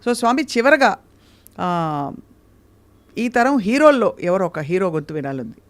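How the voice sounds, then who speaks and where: A woman's voice: medium pitch, very animated, unhurried. Encouraging woman interview host. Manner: warm, encouraging, praising. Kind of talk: casual interview.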